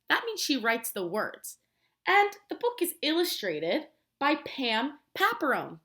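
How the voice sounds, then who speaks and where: A high-pitched American woman who teaches preschool reads a picture book aloud. Her phrasing is simple and expressive, and she poses questions to the young kids.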